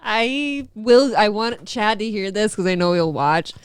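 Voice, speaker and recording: A woman's voice: medium pitch, unhurried, smooth, dry recording, clean studio sound. A woman co-hosting a podcast, casually and wryly teasing as she comments on a clip. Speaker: podcast co-host.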